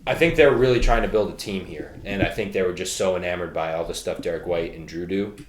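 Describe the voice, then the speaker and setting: A man with a very low voice chats casually about his team, wandering from thought to thought. The room around him rings with echo. A faint hiss sits underneath. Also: quick pace. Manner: rambling, quotes others in a dropped voice. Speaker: podcast co-host. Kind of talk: casual sports chat. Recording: echoey room with faint noise.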